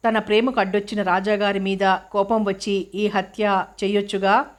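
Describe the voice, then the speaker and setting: A woman's voice: mid-range voice, little pitch movement, moderate pace, natural voice. A woman reading the part of a stern male public prosecutor who questions with pointed sarcasm. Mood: probing.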